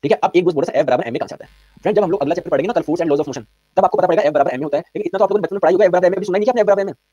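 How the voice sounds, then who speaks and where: Male physics tutor, brisk and quizzing, slightly high voice, dry close sound. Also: warm tone, dry recording, dull audio. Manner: brisk, quizzing students with repeated questions. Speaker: physics teacher. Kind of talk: online exam-prep physics lecture.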